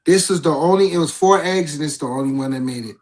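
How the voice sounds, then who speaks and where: A middle-aged reptile breeder on a video call, talking softly and unhurriedly in casual chat. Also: medium pitch, quick pace. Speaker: reptile breeder, panel guest.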